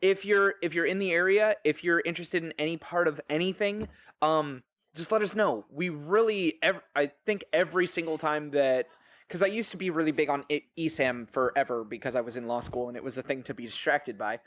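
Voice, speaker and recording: A man's voice: a little high, fairly quick, fairly bright tone. A man on a discussion panel, chatty, often laughing and acting out quoted voices as he tells stories.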